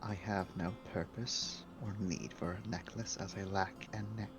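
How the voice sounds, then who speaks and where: A man voicing a ship's artificial intelligence that speaks in a flat, precise, lecturing way. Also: low voice, normal speed, music in the background. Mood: dry. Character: cold, literal-minded ship AI.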